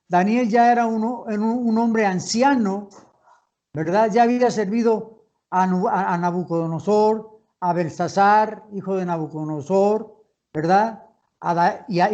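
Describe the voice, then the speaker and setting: A man leading a youth Bible study, reading verses aloud and then rephrasing them in measured explanations, on a dull lo-fi recording. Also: high voice, darkish tone.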